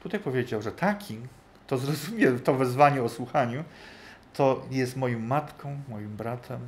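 A man's voice: medium pitch, normal speed, slight background noise. A man teaching a Bible study group in a conversational way, thinking aloud and often checking in with his listeners.

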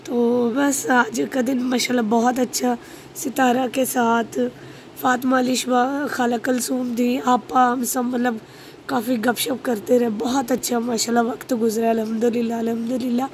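A young woman from Pakistan with a hoarse voice, talking casually to camera in a family vlog. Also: fairly high pitch, flat delivery, normal speed, a little mellow, a little hiss or hum. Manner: chatty, repeats pious phrases. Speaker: vlogger.

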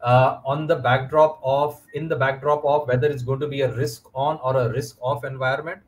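A middle-aged man with an Indian English accent, a fund manager speaking in a measured, explanatory way on a video call. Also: mid-range voice, little pitch movement, slight background noise, rough recording. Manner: measured, explanatory, many fillers. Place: indoor room.

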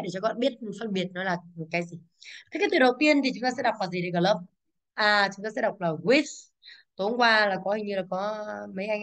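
A woman teaching an English exam class, going briskly through the answers, stressing each English word and asking the class to confirm. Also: medium pitch, fairly bright tone.

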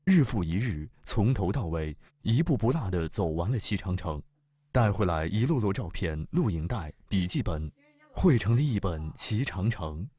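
A man narrating a travel documentary in a measured, formal way. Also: sits low, very animated, dark tone, slightly rough, no room sound. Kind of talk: scripted narration.

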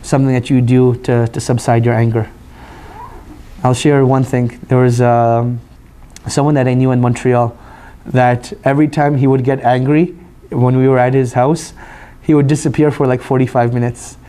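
Imam, hoarse voice, even and dark, chatty religious lecture with q&a. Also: male voice, medium pitch, moderate pace. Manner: relaxed, conversational, frequent "you know". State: hoarse, voice recovering. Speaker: imam teaching a study circle.

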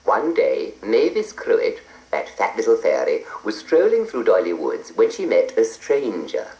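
A woman reading a children's story aloud in an expressive way, on an old cassette recording. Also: a bass voice, measured pace, echoey room, poor audio. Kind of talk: scripted children's story narration.

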